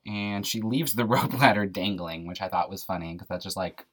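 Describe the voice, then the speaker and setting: A woman's voice: rumbling low, normal speed, breathy edge. A young woman co-hosting a casual show recap podcast, chatty and giggly, full of "like". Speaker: podcast co-host.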